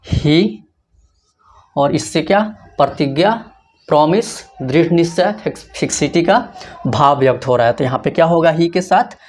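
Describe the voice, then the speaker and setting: A teacher at mid pitch walks through grammar rules in a lecture. He poses a question to the class and answers it himself. He repeats each point slowly so it sinks in. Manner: asks rhetorical questions and answers them himself. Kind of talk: Hindi-language grammar lecture.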